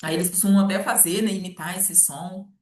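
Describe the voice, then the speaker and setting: A Brazilian woman teaching professionals about children's literacy in a patient, repetitive way, often checking in with a quick "tá?". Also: medium pitch, fairly even intonation, a little mellow, distant mic. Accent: Brazilian Portuguese. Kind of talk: informal teaching talk. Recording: echoey room, voice off-mic.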